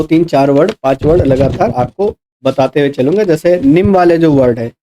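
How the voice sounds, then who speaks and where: A man's voice: mid-range voice, mellow. A man with a Hindi accent teaching an exam-prep English vocabulary lesson, explaining step by step, repeating points and asking rhetorical questions. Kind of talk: classroom lecture in mixed Hindi and English.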